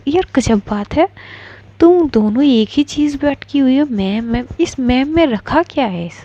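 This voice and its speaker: A woman's voice: high voice, animated, a little slow, mellow, no echo, muffled recording, pitched above the performer's own voice. A woman voicing a friendly young woman who talks in a playful, teasing way.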